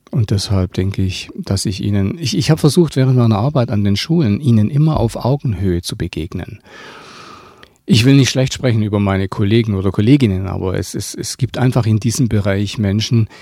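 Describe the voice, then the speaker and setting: A man, an author, talking thoughtfully about his work and reading from his book, often restarting and clearing his throat. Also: fairly low pitch, mellow, dry recording, clean studio sound. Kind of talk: interview talk and book reading.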